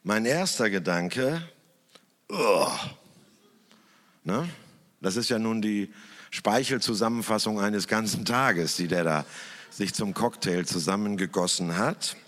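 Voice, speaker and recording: A man who works in church television gives a slow, thoughtful talk on a stage, with lively emphasis and long pauses. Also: fairly low pitch. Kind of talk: reflective talk in front of an audience. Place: stage in a hall. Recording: long hall reverb.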